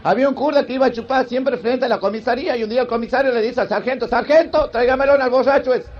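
A man with a Santiago del Estero accent, telling bawdy jokes live on stage and acting out the characters. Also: extremely high pitch. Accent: Santiago del Estero Argentine Spanish. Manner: bawdy, rapid joke-teller who acts out characters and banters with the crowd. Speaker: stand-up comedian. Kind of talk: live stand-up joke telling. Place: live venue with an audience. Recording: dull live recording with crowd and noise. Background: audience laughter.

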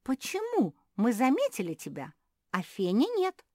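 A woman's voice: fairly high pitch, wildly swooping pitch, moderate pace, darkish tone, no room sound, studio quality, pitched above the performer's own voice. A woman voicing a bold, cheeky young female pug who speaks matter-of-factly.

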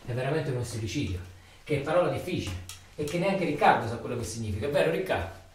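A stage monologue actor with a Neapolitan accent performs a theatrical piece in a mid-range, expressive, fast voice, telling his story in a colloquial, emphatic, repetitive way. He stands far from the microphone in a roomy interior, and the recording sounds distant and echoey with faint noise.

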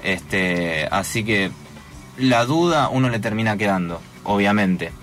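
A radio guest, a man with a Rioplatense Spanish accent and a somewhat low voice. He keeps hesitating and restarting, and his pace is uneven. Faint music plays behind him. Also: lively intonation, measured pace, fairly bright tone. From Argentina. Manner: hesitant, many fillers and restarts. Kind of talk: radio talk, recounting school events.

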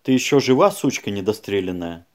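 A man's voice: fairly low pitch, sing-song, a little fast, darkish tone. A man voicing a vicious woman threatening on an answering-machine tape in an audiobook. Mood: menacing.

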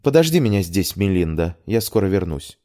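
A man's voice: sits low, very animated, brisk, mellow. A man voicing a proud, upset young noble heroine in an audiobook, speaking in emotional, pleading questions. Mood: determined.

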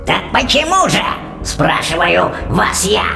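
Guy doing a cruel old witch queen, gravelly screechy voice, drags out every word, soft music underneath. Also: very animated, heavily acted. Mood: shrill ranting. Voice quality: shrill, snarling. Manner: slow, menacing and gravelly. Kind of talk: audiobook character voice.

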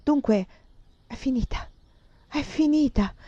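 A woman's voice: high-pitched, slow pace, dark tone, dry recording, pitched above the performer's own voice. A woman reading a passionate doomed nobleman. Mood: despairing. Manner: declaiming, poetic. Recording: dull muffled sound.

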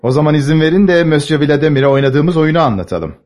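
A man's voice: medium pitch, very animated, moderate pace, a little mellow, faint music behind. A man playing a mocking older man who runs a parlor game, speaking with sardonic mock formality.

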